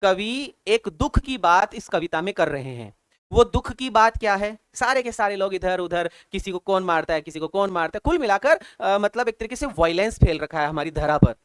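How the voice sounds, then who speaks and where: A man's voice: sits high, animated, normal speed, smooth, no room sound. A man with an Indian English accent teaching an exam-prep lesson, repeating key answers over and over and calling students brother and child. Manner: repetitive drilling, calls students "bhaiya" and "beta".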